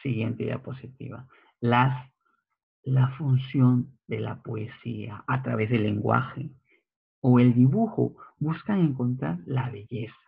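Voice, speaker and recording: A male teacher giving a slide lecture, slowly repeating key phrases and asking rhetorical checks. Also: medium pitch, vocal fry, husky. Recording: tinny phone-like audio.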